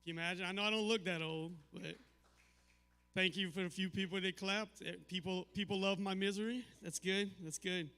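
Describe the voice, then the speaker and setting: A man doing stand-up comedy, with a dry, halting delivery full of "uh" and "um". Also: high voice, steady tone, pushed and bright, smooth. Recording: live venue with long hall reverb.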